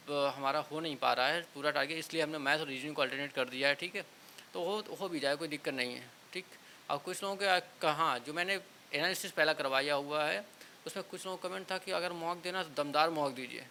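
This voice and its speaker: Coaching his students for an exam, this channel host speaks in a fairly high, bright, forceful voice. His advice is informal and peppered with short check-in tags, and a hiss runs under the recording.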